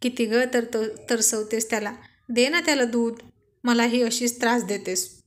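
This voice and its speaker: A woman's voice: on the high side, moderate pace, close to an everyday voice. A woman voicing a playful young husband who keeps teasing his wife in a storybook reading. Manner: teasing, jokey.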